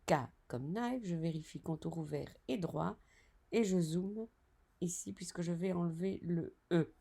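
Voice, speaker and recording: Slow, gravelly woman. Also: on the low side, warm tone. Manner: chatty, narrates each step, self-correcting asides. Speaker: design software tutor. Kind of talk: screen-recorded software tutorial.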